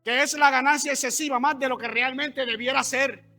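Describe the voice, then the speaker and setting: A man's voice: extremely high pitch, fairly even intonation, a little fast, sharp tone, soft background music. A man pastor preaching a sermon in a church, conversational, with asides and questions to the congregation.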